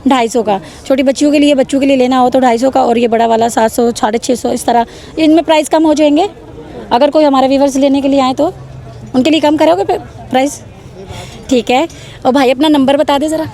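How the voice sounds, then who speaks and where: A woman's voice: sits high, fairly even intonation, a little fast, mellow. A woman with a Pakistani accent hosting a market vlog outdoors, selling the goods to viewers in repetitive patter that urges them to come and buy. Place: outdoor street bazaar.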